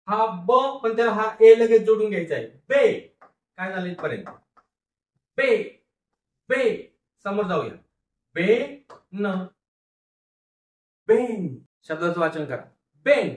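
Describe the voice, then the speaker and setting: A male teacher with a Marathi accent giving a phonics reading lesson, drawing out syllables slowly and asking questions that he answers himself. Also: high-pitched, expressive, roomy sound, distant mic. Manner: slow, drawn-out syllables, repeats and drills words.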